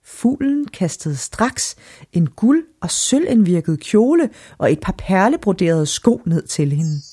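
A woman narrating a fairy tale aloud in an expressive storybook reading style. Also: mid-range voice, husky.

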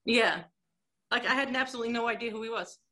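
Woman, from Long Island, casual chat, storytelling, acts out dialogue, slightly high voice. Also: fast talker, pushed and bright. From Long Island, New York.

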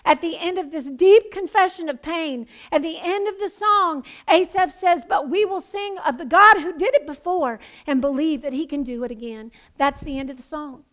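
A woman's voice: very high voice, normal speed, few pauses, fairly bright tone. A woman pastor preaching a sermon, passionate and building to emphatic proclamations.

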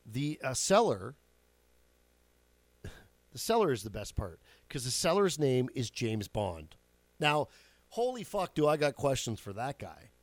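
Mid-range and sing-song, this radio host's voice keeps a measured pace with long pauses and no echo. He's in his forties and chats his way through casual stories on his show, dropping the odd swear word and laughing at his own jokes.

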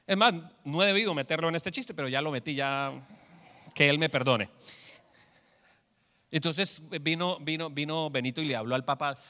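Male preacher, bright, high voice, joking animated sermon, hall echo. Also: moderate pace, long pauses. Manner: animated storyteller acting out quotes. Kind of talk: humorous sermon with jokes. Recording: long hall reverb.

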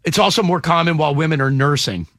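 A man's voice: on the high side, fast talker, fairly bright tone, no room sound, studio quality. A man hosting a casual panel chat, reading out statements and quizzing the panel playfully. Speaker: host.

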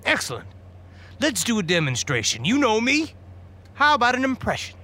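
A man's voice: extremely high pitch, huge pitch swings, normal speed, slightly rough, pitched above the performer's own voice, heavily acted. A man doing a smug needling lawyer. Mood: mocking. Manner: loud, needling questions. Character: smug male courtroom lawyer, mocking.

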